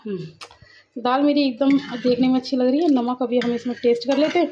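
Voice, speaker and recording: A woman's voice: high-pitched, fairly even intonation, brisk, dark tone. A young woman from India, a mother filming a casual home vlog, chatty and playfully scolding her kids, recorded on a phone in a family home. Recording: muffled phone audio with clear background noise.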